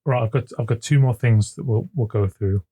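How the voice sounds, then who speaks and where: A podcast co-host chats casually in a smooth, mellow voice of medium pitch, speaking fairly quickly. He chuckles often and repeats words as he warms up. He's speaking into a desk microphone at his home computer.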